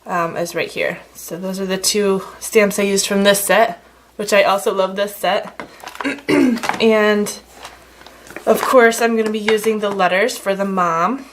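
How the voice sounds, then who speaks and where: A woman's voice: mid-range voice, unhurried, a little hiss or hum. A woman giving a casual, chatty card-making tutorial with plenty of fillers, a slight frog in her throat. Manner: chatty, relaxed, many fillers. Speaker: stamping craft demonstrator.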